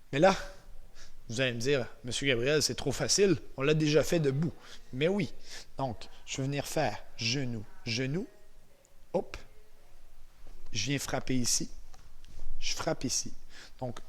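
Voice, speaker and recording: Slow, encouraging Québécois martial arts teacher. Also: male voice, medium pitch. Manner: encouraging, counts moves aloud, shouts kiai. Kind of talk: guided exercise class for viewers.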